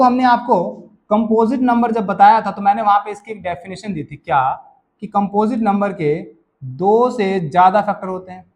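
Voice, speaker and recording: A man teaches a maths class. He keeps it casual and chatty, repeating each key point and coaxing the students along as he works through the problems. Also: high voice. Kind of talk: classroom lesson explaining solutions.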